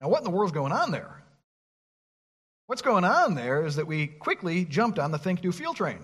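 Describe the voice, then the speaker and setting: A man preaching with a husky, slightly raised voice. He reads verses aloud and asks the listeners questions, his pitch leaping high and dropping low as he presses each point. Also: very animated, moderate pace, a bit bright. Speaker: pastor. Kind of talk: sermon.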